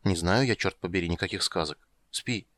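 A man reading a gruff, weary monster hunter. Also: fairly quick, fairly bright tone, no echo. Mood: dry, teasing. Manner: dry, teasing, low-key.

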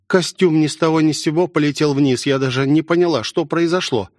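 A catty young woman, her voice pitched high and dripping with fake sweetness, as a male narrator puts her on. She taunts in a dry, close-miked audiobook recording. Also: brisk, no room sound, lightly acted. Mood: whiny, flustered. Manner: sneering, mock-sweet. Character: scheming young woman pilot, mocking, spiteful.

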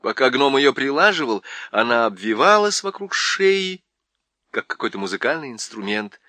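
A man narrating an audiobook in a measured, expressive storytelling manner. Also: mid-range voice, no echo. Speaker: audiobook reader.

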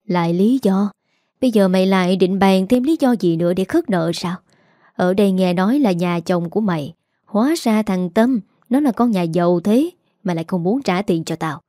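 A woman voicing an angry older female moneylender who scolds fast and rough. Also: mid-range voice, expressive, dark tone, dry recording, clean studio sound, close to an everyday voice. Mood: scolding.

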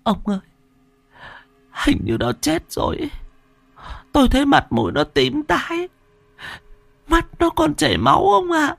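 A frightened middle-aged village wife, her voice pitched high and shrill as she stammers and pleads on the edge of tears. She sounds like a figure from a spoken horror storybook, and the recording is dry and close. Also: very animated, unhurried, gravelly, long pauses, dry recording, soft background music, exaggerated voice. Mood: tearful fear.

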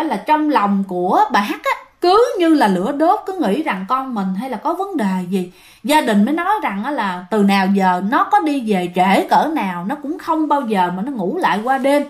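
Woman, casual ghost storytelling, fairly high voice, chatty. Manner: chatty, addresses listeners directly, lively pitch swings.

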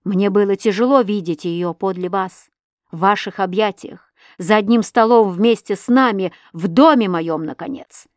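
A woman reading an audiobook, voicing a jealous, stern husband who shouts sharp accusations. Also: medium pitch, moderate pace, dry recording, clean studio sound, close to an everyday voice. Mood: cold, righteous. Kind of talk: audiobook reading of a classic novel.

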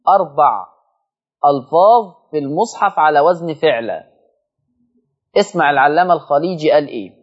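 A man with an Egyptian accent teaching Quran recitation rules on a televised lesson, chanting verses slowly and explaining in quick colloquial asides. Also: a little high, animated, slightly rough, lo-fi sound. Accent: Egyptian Arabic.

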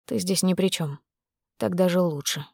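A woman narrator lowers her voice for a calm older man. He speaks quietly and steadily, without fuss. The sound is dry and close. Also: vocal fry, husky, no echo. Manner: low, quiet, unhurried.

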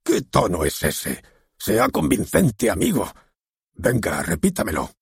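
A man voicing a loud, rude, eccentric theater director who barks and insults, with a nasal voice. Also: on the low side, wildly swooping pitch, a little slow, gravelly, husky, no room sound, studio quality, heavily acted. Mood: exasperated.

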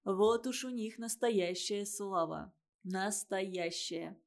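A woman reading a story and voicing a stubborn, dreamy schoolboy in a thoughtful, quiet way. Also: mid-range voice, unhurried, lightly acted.

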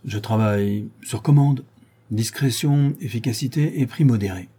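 A man's voice: medium pitch, moderate pace, dark tone, husky, lightly acted. A man voicing a shady rural drifter who works as a hired thug, talking evasively and with a sneer.

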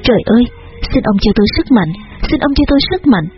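A man reading an audiobook and voicing an anguished young man whose husky, choked voice pleads desperately, with dull audio and faint music behind. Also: very high voice, sing-song, quick pace.

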